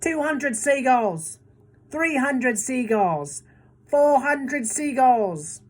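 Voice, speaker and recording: A woman reading an audiobook, voicing a brave young boy who gives orders in urgent whispers and shouts. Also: on the high side, unhurried, pitched above the performer's own voice. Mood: triumphant shouting.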